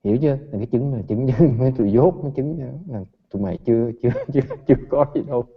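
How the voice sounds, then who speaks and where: A man's voice: mid-range voice, fast, slightly rough. A man giving a Buddhist dharma talk, joking and acting out quotes as he switches between English and Vietnamese. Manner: playful, mixes English and Vietnamese, acts out quotes. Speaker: Buddhist teacher. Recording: dull audio in a reverberant hall.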